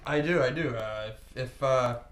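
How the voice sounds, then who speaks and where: A man's voice: medium pitch, normal speed, reverberant. A man playing a tabletop role-playing game, joking and laughing often. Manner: laughing, joking, loud when in character. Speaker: player.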